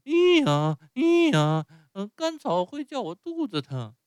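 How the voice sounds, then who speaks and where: A man voicing a sorry puppet boy turned donkey, wailing and groaning, then sighing softly to himself. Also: fairly high pitch, very animated, unhurried, no room sound. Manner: wailing and groaning, soft sighs when alone.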